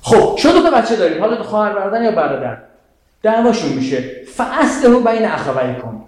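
A man gives a religious lecture with a high, lively voice. He quotes scripture and keeps questioning his listeners. The sound rings out in a strongly echoing hall. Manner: animated, asks the audience questions, quotes scripture. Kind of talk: lecture to an audience. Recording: very echoey hall.

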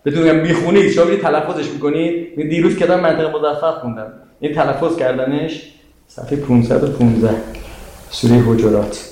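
A man gives a religious lecture with a high, lively voice. He quotes scripture and keeps questioning his listeners. The sound rings out in a strongly echoing hall. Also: a little hiss or hum. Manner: animated, asks the audience questions, quotes scripture. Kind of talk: lecture to an audience. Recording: very echoey hall.

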